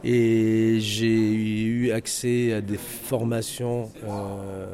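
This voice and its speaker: Amid loud crowd chatter, an Algerian man who runs a security training center speaks in an earnest, motivational interview, his North African accent clear and his speech hesitant with many fillers and restarts. His voice is fairly low and warm, very slow, with little pitch movement.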